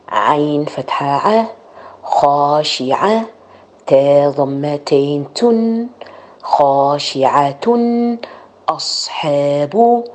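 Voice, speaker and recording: Female Quran reading teacher with an Egyptian Arabic accent, very slow, mellow delivery, spells each word out sound by sound. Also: sits low. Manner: spells words letter by letter, then blends them. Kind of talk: slow spelled-out recitation lesson.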